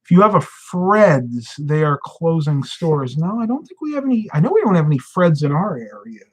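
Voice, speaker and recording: A man's voice: fairly high pitch, very animated, moderate pace, breathy edge, poor audio. A man hosting a casual live stream from home, chatting with family, with a neutral accent and an easy laugh. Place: home bedroom.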